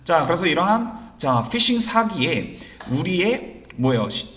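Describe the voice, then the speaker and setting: In Korean, a man leads an exam-prep English reading class, posing rhetorical questions he answers himself and reading English sentences with slow deliberation. His voice is a little high, sing-song and a bit bright, and the recording echoes roomily.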